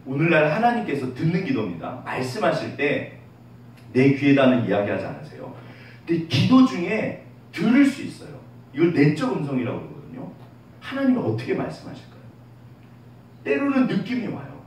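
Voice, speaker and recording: A male pastor preaching a lively sermon, asking the congregation questions and answering them himself, and dropping to a hush when he quotes God. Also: on the high side, brisk. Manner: drops to a soft hush when quoting God. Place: church sanctuary. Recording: very echoey, distant, faint room noise.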